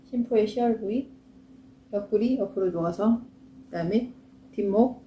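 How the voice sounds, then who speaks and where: A woman's voice: mid-range voice, normal speed, mellow, roomy sound, slight background noise. A woman in her fifties, an esthetics instructor giving a frank, chatty lecture to salon owners and mixing in stories about herself. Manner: chatty, anecdotal, frank and self-mocking.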